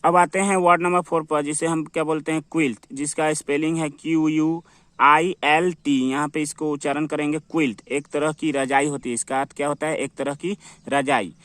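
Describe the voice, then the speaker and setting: A man with a fairly high voice gives a classroom-style vocabulary lesson. He asks rhetorical questions, answers them himself, and drills each word over and over. The sound is dry and close, with no room echo. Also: fairly even intonation, normal speed, a bit bright. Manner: repetitive, asks and answers his own questions. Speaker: English teacher.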